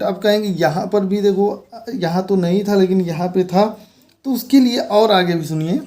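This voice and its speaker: A man with a high-pitched, mellow voice teaches an English grammar lesson, explaining patiently and repeating key words while pointing things out on a board.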